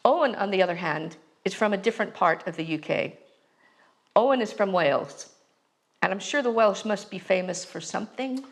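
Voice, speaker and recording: A woman's voice: mid-range voice, expressive, moderate pace, gravelly. A woman with an American accent, from California, co-presenting in a playful scripted style. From Los Angeles, California, USA. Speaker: co-presenter of a couple's video.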